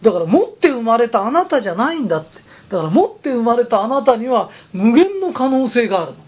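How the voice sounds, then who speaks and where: A man's voice: extremely high pitch, big pitch swings, fast, a little mellow, breathy edge. A man who runs a company, giving a chatty, emphatic motivational talk. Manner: chatty, emphatic, persuasive storytelling. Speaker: company president.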